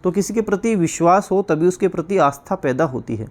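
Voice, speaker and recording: Male tutor, fairly high voice, drawn-out spelling, trails off low at ends of points; exam-prep lecture. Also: expressive, a little mellow. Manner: explains slowly, spells words out and repeats them. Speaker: teacher.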